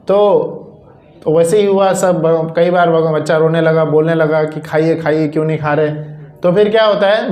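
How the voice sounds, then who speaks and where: A male preacher telling a devotional story in a sermon, repeating phrases for emphasis. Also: high voice. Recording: roomy echo.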